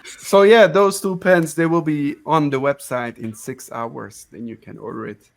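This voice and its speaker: A man's voice: a little high, steady tone, measured pace, creaky. A man hosting a casual live-streamed chat over a video call, talking loosely, repeating and restarting phrases as he shows things. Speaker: show host.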